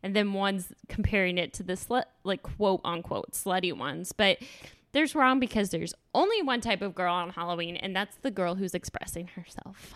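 Young female co-host, relaxed and giggly, filler-heavy casual talk, dry close mic. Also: mid-range voice, moderate pace, clean tone, dry recording. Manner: easygoing, many fillers, giggly. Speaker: podcast co-host. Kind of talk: casual chat.

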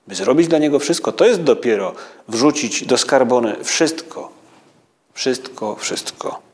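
A man preaching a spiritual meditation, speaking slowly and reflectively, with halting pauses. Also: medium pitch, animated, darkish tone.

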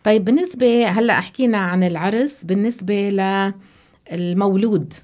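Interviewer: woman, Levantine Arabic accent, fast casual conversational delivery, average pitch. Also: a little mellow. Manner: frequent affirming interjections and prompts.

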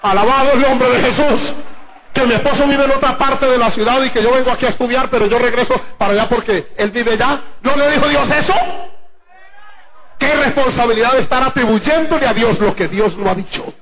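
A man preaching a sermon with fervor, his voice rising to loud exclamations and dropping to low murmurs. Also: a little fast, crowd noise. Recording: dull lo-fi sermon recording.

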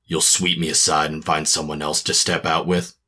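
A man voicing a gruff, sardonic noir private eye. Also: very deep voice, flat delivery, moderate pace, bright, forceful tone, heavily acted. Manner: clipped, sardonic tough-guy delivery. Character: hard-boiled male private eye, cynical and sour. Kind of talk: noir radio drama narration.

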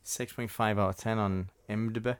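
A man's voice: on the low side, steady tone, a little fast, clean tone, no room sound. A man co-hosting a podcast in casual banter, teasing and mock-threatening his friend. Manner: teasing, mock-threatening, puts on silly voices. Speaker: podcast co-host.

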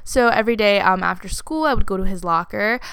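A young woman in her twenties tells a personal story in a loose, chatty way, filling her sentences with "like" and laughing as she goes. Her voice is smooth and clean, at an ordinary pitch for a woman. The sound is dry and close, with no room in it. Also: fast, fairly bright tone, no echo. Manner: chatty, many "like" fillers, laughs while talking.

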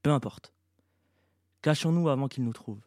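A man's voice: mid-range voice, moderate pace, darkish tone, dry recording, studio quality, lightly acted. A man voicing a secretive, commanding mother who gives firm, clipped orders. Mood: stern.

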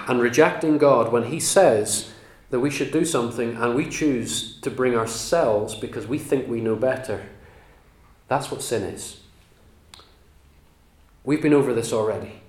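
A man delivers an earnest sermon, stressing key points with measured pauses. His voice sits at a middle pitch. The recording carries a roomy echo. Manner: earnest, emphatic Bible teaching with measured pauses. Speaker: preacher.

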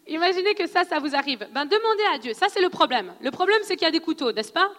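Woman preacher, accented, high voice, reverberant hall. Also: fairly quick. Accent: non-French accent in French. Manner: animated, conversational, laughs often, asks questions. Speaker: preacher teaching on prophecy. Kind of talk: sermon teaching.

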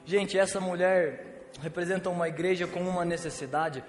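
A man's voice: sits high, fairly even intonation, normal speed. A man with a Brazilian Portuguese accent preaching a sermon as a pastor, in a casual, slangy storytelling way with humor. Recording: echoey church hall with faint music.

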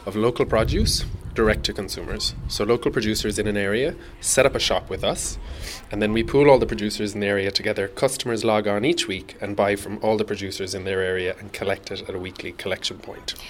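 A man's voice: fairly low pitch, fairly even intonation, fast, slight background noise. A man explaining things as an interviewee. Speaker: food business founder interviewed.

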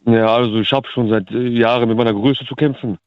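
A man's voice: mid-range voice, steady tone, brisk, clean tone, no room sound. A man in his twenties calling in over the phone to a talk show, speaking hesitantly and self-consciously. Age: 20s. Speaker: caller. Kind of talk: casual phone-in chat. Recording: tinny dry phone line.

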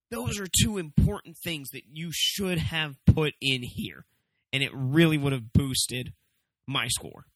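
A man's voice: on the high side, a bit bright, no room sound, low-quality recording. A man hosting a casual, comedic review, talking emphatically and swearing freely as he stresses his points. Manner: emphatic, profane, swooping for stress. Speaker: movie review show host.

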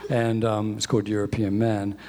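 A man's voice: fairly low pitch, completely flat delivery, moderate pace, dark tone, long reverb tail. A man in his sixties, born in England and raised in New Zealand, talking about his career in a chatty, self-deprecating way as an interview guest. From born in England, grew up in New Zealand. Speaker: guest, music industry executive. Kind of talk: conversational interview.

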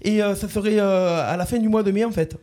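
A man putting on a stammering high-voiced office manager. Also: fairly even intonation, a little fast, warm tone, lightly acted. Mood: bumbling. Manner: stammering, hesitant, repeats words. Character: bumbling male corporate communications manager. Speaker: prank caller, radio host. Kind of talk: prank phone call.

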